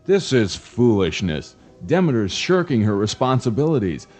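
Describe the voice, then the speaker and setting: A man's voice: medium pitch, sing-song, normal speed, darkish tone, soft background music, pitched below the performer's own voice. A man voicing a mighty, stern king of the gods in a storybook drama, speaking in a commanding way.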